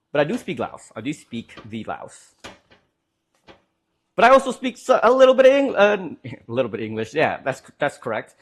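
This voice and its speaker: A young man streaming live, chatting casually with viewers in a joking, rambling way with lots of fillers. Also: a little high.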